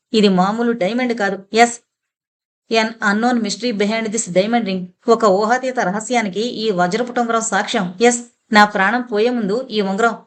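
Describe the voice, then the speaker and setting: A woman's voice: on the high side, close to an everyday voice. A woman voicing an enraged young army man who believes he is a dead major, roaring and accusing. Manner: roaring, accusing, shouting in fury.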